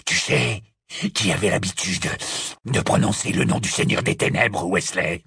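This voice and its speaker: A man voicing a savage, gloating male werewolf with a rasping, gravelly voice, speaking slowly with a relishing growl. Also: sits low, fairly bright tone, dry recording, studio quality, full character voice. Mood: menacing.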